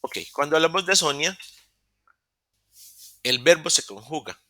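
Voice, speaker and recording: Male language teacher, very bright and forward tone, dry close sound; patient, step-by-step explainer who self-corrects. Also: a little high, measured pace, no room sound. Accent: Latin American Spanish. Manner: self-correcting, restarts mid-word. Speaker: English teacher. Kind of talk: online beginner English class. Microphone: computer mic in a virtual session.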